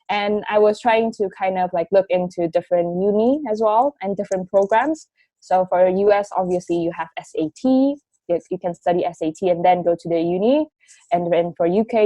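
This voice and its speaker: A woman's voice: mid-range voice, mellow, dry recording. A 21-year-old woman from Indonesia, born in Taiwan, telling her story in a chatty interview and leaning on filler words. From grew up in Indonesia, born in Taiwan. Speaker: interview guest, marketing graduate.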